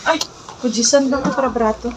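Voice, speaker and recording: A woman's voice: high-pitched, steady tone, fairly quick, background noise. A woman chatting casually and teasing while she vlogs, laughing often. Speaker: vlogger. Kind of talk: casual chat while shopping.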